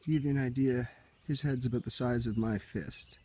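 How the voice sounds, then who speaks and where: A young man talks casually to his handheld camera while hiking and camping, pointing things out in an easygoing, chatty way. His voice sits at an ordinary middle pitch. A faint hush of outdoor air and insects sits behind him. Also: steady tone, moderate pace, slight background noise. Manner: easygoing, chatty, shows things to the viewer as he goes. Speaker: hiking vlogger. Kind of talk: casual vlog narration to camera. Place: outdoors on forest trails and at a campsite.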